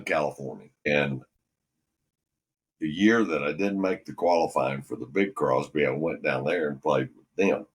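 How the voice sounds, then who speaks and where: A man's voice: a bass voice, breathy edge. An older man from Alabama, a former golfer telling rambling, folksy stories as a podcast guest. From Alabama, USA. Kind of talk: anecdotal storytelling.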